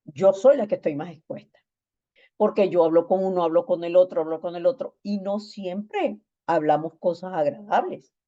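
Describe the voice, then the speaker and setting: A woman's voice: lowish voice, moderate pace, mellow, highs cut off. A woman pastor preaching a sermon, emphatic and repeating phrases for stress.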